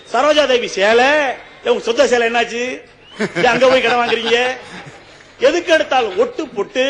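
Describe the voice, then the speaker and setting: A man's voice: very high-pitched, fairly bright tone, big-room sound. A man giving a humorous, rhetorical debate speech on stage and often turning to address the judge.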